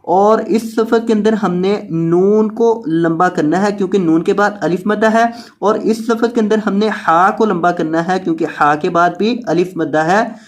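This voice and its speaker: A Quran reading teacher giving a Noorani Qaida lesson, spelling out letters and vowel marks one by one, repeating each word patiently, and explaining the rules in quicker talk. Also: medium pitch.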